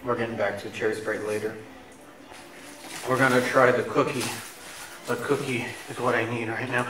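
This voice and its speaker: A man's voice: mid-range voice, fairly even intonation, moderate pace, reverberant, distant mic, background noise. A man doing a parody food review, talking muffled through a face mask with mock-melodramatic complaints. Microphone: head-mounted camera.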